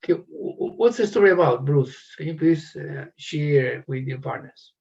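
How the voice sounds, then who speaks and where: A man's voice: fairly high pitch, expressive, moderate pace, creaky, darkish tone, slightly rough, dull audio. A man teaching an English class, encouraging students and calling on them by name.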